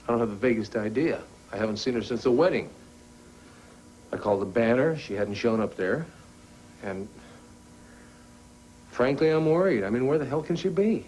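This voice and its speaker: An actor playing a candid male friend giving advice in a soap opera, with a husky voice. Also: mid-range voice, animated, moderate pace, long pauses, a little mellow, slight background noise, lightly acted, poor audio. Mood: worried.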